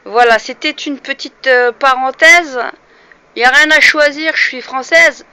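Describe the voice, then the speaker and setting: A high-pitched, bright, forceful voice comes at a measured pace, with no echo on a slightly dull lo-fi recording. The speaker, a French vlogger in her forties, gives an earnest opinion monologue to camera that turns heated and emphatic, with frequent hesitations.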